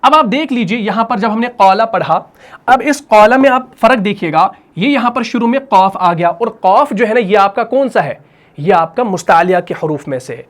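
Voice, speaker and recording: A man's voice: high voice, lively intonation. A man teaching tajweed in Urdu with a Pakistani accent, explaining the rules patiently, repeating them often and stretching out sounds to model recitation. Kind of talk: tajweed lesson.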